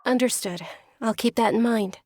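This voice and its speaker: A woman's voice: a little high, moderate pace, darkish tone, dry recording. A woman voicing a composed, polite young festival guide in a video game, explaining things carefully. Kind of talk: video game character acting.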